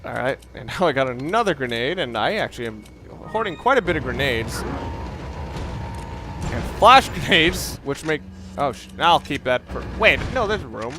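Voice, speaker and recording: A male gaming video creator offers offhand, meandering let's play commentary full of self-deprecation. His medium-pitched voice swings widely in pitch at a normal speed, and loud game music and effects sit behind it.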